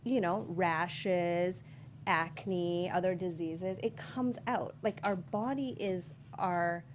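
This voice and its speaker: A woman's voice: on the low side, slow pace, slight background noise. A woman from Sri Lanka, a guest on a talk show, earnestly explaining health and skincare with frequent laughs. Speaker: guest, skincare and fitness entrepreneur. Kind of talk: casual interview chat.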